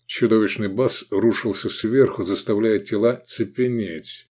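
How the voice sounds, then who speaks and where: A man narrating an adventure audiobook in an expressive reading voice. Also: lowish voice, measured pace, breathy edge. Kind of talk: scripted narration.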